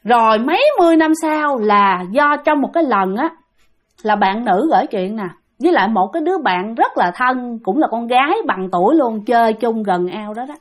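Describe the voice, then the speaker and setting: High-voiced Southern Vietnamese woman storyteller. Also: expressive, normal speed. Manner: chatty, keeps addressing listeners directly. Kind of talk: casual ghost-story telling.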